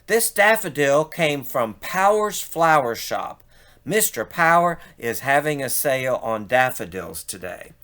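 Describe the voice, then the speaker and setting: A man's voice: mid-range voice, very animated, a little slow, fairly bright tone. A man reading a children's storybook, voicing a goofy, innocent, good-natured male cartoon dog. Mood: defensive, earnest. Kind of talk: children's storybook read-aloud.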